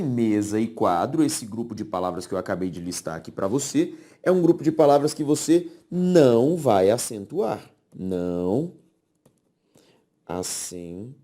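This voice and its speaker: A man's voice: medium pitch, mellow. A man with a Brazilian Portuguese accent teaching grammar rules in a classroom lecture, who repeats key words and keeps checking that the class follows. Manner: explains slowly, repeats key words, checks understanding often.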